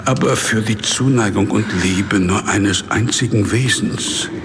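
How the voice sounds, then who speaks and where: A man plays a lonely, bitter monster in an audio drama. The voice is low and brooding, with very slow, anguished phrasing, over clearly noisy ambience. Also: lightly acted. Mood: vengeful. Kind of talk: audio drama acting and narration.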